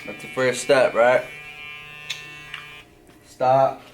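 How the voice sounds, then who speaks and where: A man's voice: mid-range voice, level tone, drawn-out words, slight background noise. A man, a barber, giving a casual step-by-step how-to, often tagging his points with "right?". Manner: walks through steps, tags lines with "right?".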